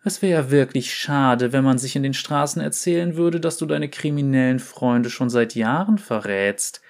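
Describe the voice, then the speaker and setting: A man's voice: medium pitch, moderate pace, creaky, close to an everyday voice. A man voicing a brash, violent female enforcer who taunts and threatens in a mocking, cocky way. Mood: taunting. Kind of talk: dramatic story reading.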